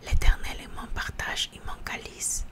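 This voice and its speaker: A woman reading scripture aloud for ASMR in a hushed library whisper, halting now and then to repeat words. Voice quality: hushed library-style whisper, mostly unvoiced.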